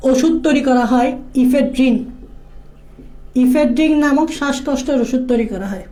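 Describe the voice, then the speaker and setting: A woman with a high-pitched, mellow voice speaks at normal speed as she tutors exam biology in a casual lecture. She drills the key points repetitively and checks that students follow along.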